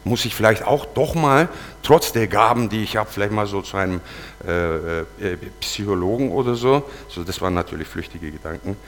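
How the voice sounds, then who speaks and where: A man giving an earnest, emotional spoken testimony, not a native German speaker, confessing quietly and then pleading loudly, and reading verses slowly. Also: on the low side, lively intonation. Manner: earnest, confessional, swings between loud pleading and quiet muttering; slow, deliberate when reading scripture verses. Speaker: preacher giving a personal testimony. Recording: long hall reverb with faint hum.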